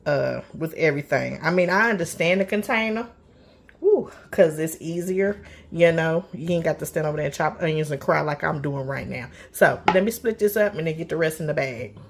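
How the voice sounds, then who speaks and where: Gravelly folksy woman cooking. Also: low-pitched, normal speed. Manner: chatty, folksy, calls viewers honey and child. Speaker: cooking vlogger. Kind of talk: casual cooking vlog. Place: home kitchen. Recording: noisy room with chopping and clicks.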